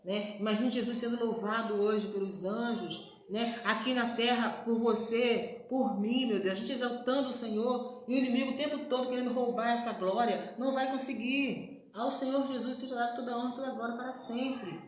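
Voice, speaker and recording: A woman's voice: on the high side, fairly even intonation, normal speed, few pauses. Echoey, chatty Brazilian woman preaching. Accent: Brazilian Portuguese. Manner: chatty, frequent "né, gente" asides. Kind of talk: informal sermon. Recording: very echoey room, faint noise.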